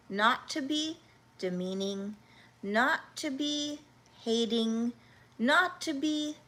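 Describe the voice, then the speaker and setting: A woman in her fifties hosting a livestream, talking earnestly and haltingly, with many restarts, as she answers viewers' comments. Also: on the high side, a bit bright. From Canada. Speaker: livestream host.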